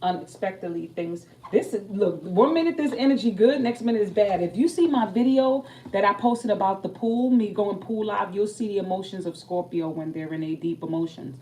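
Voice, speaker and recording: A woman's voice: mid-range voice, normal speed, few pauses. A young adult woman giving a tarot reading and chatting about her night in a casual, streetwise way. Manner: chatty, streetwise, animated when telling stories. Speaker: tarot reader. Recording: voice a bit far from the mic, faint background noise.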